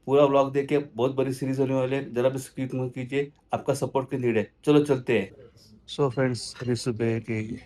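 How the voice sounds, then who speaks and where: A man's voice: mid-range voice, level tone, brisk, hardly any pauses, mellow. A man hosting his own travel vlog, talking casually to viewers in a friendly, chatty way. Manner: friendly, chatty, mixing English words. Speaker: travel vlogger. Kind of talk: casual vlog talk to camera.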